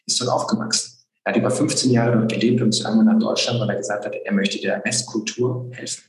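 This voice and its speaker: A man's voice: on the low side, fairly even intonation, fast. A young man telling his personal story in an interview, earnest and reflective, with many fillers. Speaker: guest. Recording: roomy echo.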